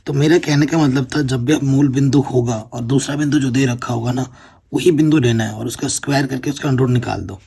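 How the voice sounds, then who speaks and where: A male maths teacher works through exam problems step by step and keeps checking that his students are following. His voice is gravelly and a little husky. He sits at a middle pitch for a man. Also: fairly even intonation, fairly quick, warm tone. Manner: explains step by step, keeps checking with "theek hai na". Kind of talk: board-exam maths lesson.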